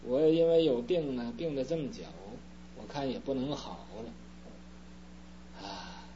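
A man voicing a sickly old father who speaks in a slow, hushed, pleading voice. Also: medium pitch, expressive. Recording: dull lo-fi recording with faint hum.

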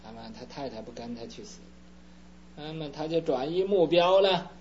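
A man telling a parable in a sermon, unhurried and full of fillers, as a Buddhist preacher. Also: a little high, expressive, a little mellow. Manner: unhurried storytelling with many fillers. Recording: dull lo-fi recording with faint hum.

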